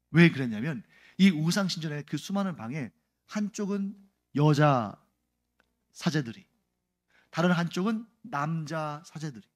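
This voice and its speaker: Man preaching an explanatory sermon. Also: fairly high pitch. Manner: explanatory, asks the congregation questions. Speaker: pastor.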